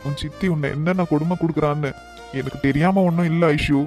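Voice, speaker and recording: A man voicing a worried, affectionate father in a cartoon, talking to his daughter in a soft, pleading way. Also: on the high side, fairly even intonation, fast talker, faint music behind, close to an everyday voice. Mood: tender.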